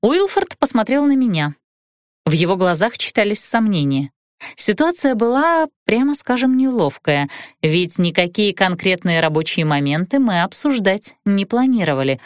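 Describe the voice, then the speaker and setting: A woman narrating an audiobook in the first person with an expressive, wry delivery. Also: medium pitch, moderate pace, no room sound, studio quality.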